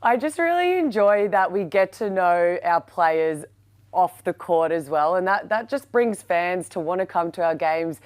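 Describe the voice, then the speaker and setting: An Australian woman on a sports show, breaking down plays in a chatty analyst's manner. Her voice sits low for a woman. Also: animated, unhurried, a little mellow. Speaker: sports show co-host and player.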